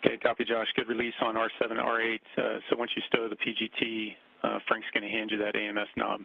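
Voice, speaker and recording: A man at ground control giving brisk instructions over a crackly space radio link. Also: lowish voice, completely flat delivery, vocal fry, narrow, tinny audio.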